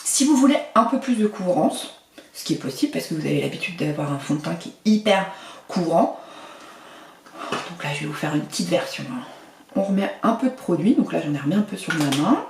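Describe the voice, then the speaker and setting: A woman's voice: lowish voice, darkish tone, distant mic, a little hiss or hum. A woman vlogger talking casually through a makeup tutorial, chatty and playful, with little sing-song asides. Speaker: beauty vlogger. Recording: echoey room, mic set back.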